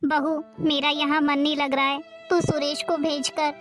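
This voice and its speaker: A woman's voice: high voice, little pitch movement, normal speed, natural voice. A woman voicing a hurt elderly mother-in-law.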